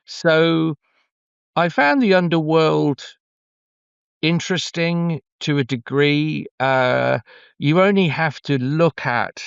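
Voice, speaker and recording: A man's voice: a little high, slow pace, vocal fry, clean tone, no room sound, muffled recording. A man talking conversationally as an oral storyteller, stretching words for emphasis and shifting gear as he goes. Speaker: oral storyteller, interview guest.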